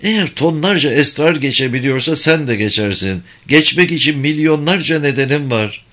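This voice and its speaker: A man's voice: fairly high pitch, animated, normal speed, sharp tone, voice pushed up. A man voicing a determined woman, a former judge, speaking firmly in a raised voice.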